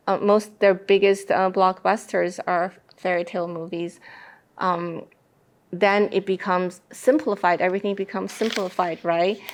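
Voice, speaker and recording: In a thoughtful interview, a woman with a lowish voice explains her ideas as the guest, choosing her words deliberately.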